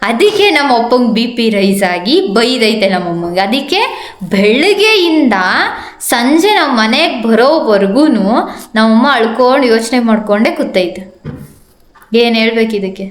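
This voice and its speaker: A young woman runs a casual family vlog, her voice pitched high and playful. She coaxes and pleads, and the room around her rings with echo. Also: expressive, moderate pace. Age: young adult. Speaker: vlogger, daughter. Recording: echoey home room.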